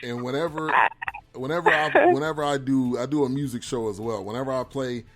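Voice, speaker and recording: A man's voice: mid-range voice, steady tone, a little fast. Friendly male talk show host, faint music under. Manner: friendly, repetitive, loose phrasing. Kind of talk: casual interview hosting.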